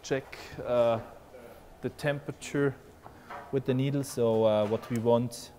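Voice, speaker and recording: A man's voice: medium pitch, unhurried. Chef guy, 40s, explaining his dish in a big kitchen, lots of uh's, light background hum. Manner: relaxed, explanatory, frequent "uh" fillers. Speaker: head chef. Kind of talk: explaining a dish while cooking. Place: large restaurant kitchen. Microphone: lapel.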